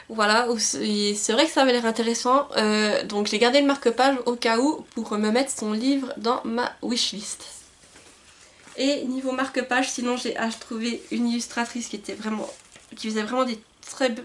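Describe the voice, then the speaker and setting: A slightly high-voiced woman chats casually about her new books. She often stumbles, stammers and restarts her words. Her voice is picked up by a camcorder's built-in mic. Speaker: book vlogger. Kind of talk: casual book haul talk.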